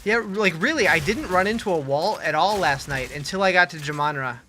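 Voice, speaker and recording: A young man hosts a late-night gaming stream, relaxed and chatty as he greets viewers and reacts to their messages. His voice is bright and forward, with a wry, sarcastic edge. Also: high-pitched, fairly quick, a little hiss or hum. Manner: laid-back, reads chat aloud and greets viewers by name; dry sarcastic asides. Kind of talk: casual gaming stream chat.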